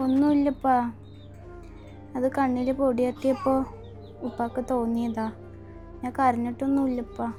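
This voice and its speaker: A woman's voice: sits high, little pitch movement, normal speed, pauses often, mellow, natural voice. A woman playing a sad, plaintive daughter. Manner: subdued, plaintive. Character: sad young daughter hiding her tears. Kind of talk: home-made family drama acting. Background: background music.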